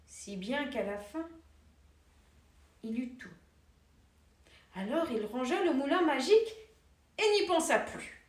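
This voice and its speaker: A woman tells a children's fairy tale in a gentle, unhurried way. Her voice is high and slow. It comes from off the mic in an echoey room. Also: lively intonation, far from the mic. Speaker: storyteller.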